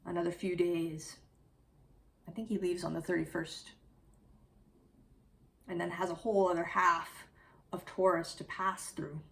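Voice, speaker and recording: A woman's voice: fairly low pitch, level tone, unhurried, vocal fry, pauses often. A woman giving a casual, reflective tarot reading, musing aloud and correcting herself as she goes. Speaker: tarot reader.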